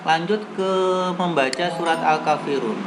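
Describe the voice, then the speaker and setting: A man's voice: on the high side, normal speed. A man teaching a Quran reading lesson, explaining patiently and chanting the verses in a melodic recitation. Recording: audible background noise.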